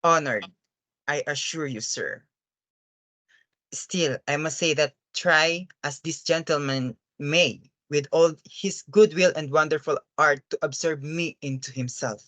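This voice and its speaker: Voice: medium pitch, measured pace, fairly bright tone, no echo, natural voice. A performer in a dramatic stage-play reading, playing an earnest, anguished father who speaks formally, with hesitant, pleading courtesy. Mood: courteous, troubled.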